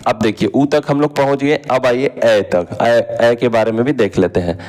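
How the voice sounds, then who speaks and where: A man's voice: medium pitch, darkish tone, slight background noise. A man teaching how to read vowel signs, explaining patiently while he writes them out and often turning to his viewers. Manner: patient, repeats "ठीक है" and "दोस्तों" often; slows down to stress vowel signs. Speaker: Hindi teacher. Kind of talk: explaining while writing on a board.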